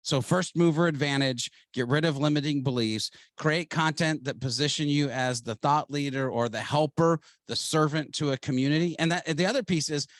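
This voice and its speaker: A man from Ohio, a podcast guest, telling his story in an animated, fast-moving way. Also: a little high, no echo. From Ohio, United States. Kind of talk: interview storytelling.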